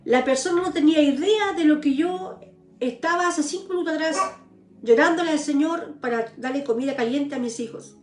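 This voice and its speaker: Give me an earnest high-voiced woman. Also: normal speed, darkish tone, roomy sound, soft background music. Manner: earnest, tearful pleading prayers, addresses listeners as brothers. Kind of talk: live-streamed personal testimony.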